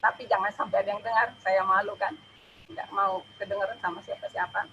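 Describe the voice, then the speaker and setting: A young woman giving an emotional personal testimony in church, halting and often adding a soft "ya". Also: mid-range voice, fairly even intonation, lo-fi sound, slight background noise.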